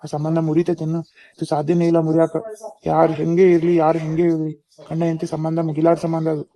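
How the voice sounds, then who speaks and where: A man with a North Karnataka accent voicing a calm, advising father-in-law in a cartoon. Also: fairly high pitch, a little fast, natural voice. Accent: North Karnataka Kannada. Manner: advising, steady. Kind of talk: cartoon voice acting.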